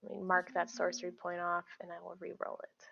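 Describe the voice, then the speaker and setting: A woman player in a tabletop game, soft-spoken, often close to a mutter. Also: lowish voice, monotone, a little fast, creaky, slightly rough. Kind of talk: casual tabletop play. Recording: dull dry mic.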